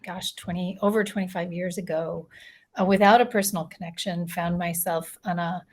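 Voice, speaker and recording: A woman's voice: on the low side, fairly even intonation, moderate pace, a little mellow. Earnest woman expert on a panel. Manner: earnest, reflective. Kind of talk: panel answer.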